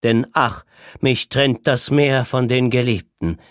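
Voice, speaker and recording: A man's voice: normal speed, no echo, studio quality, close to an everyday voice. A man voicing an agitated, theatrical male psychiatric patient in an audiobook, declaiming and mocking in a raised voice. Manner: declaiming, mocking, pitched up excitedly. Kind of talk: audiobook character reading.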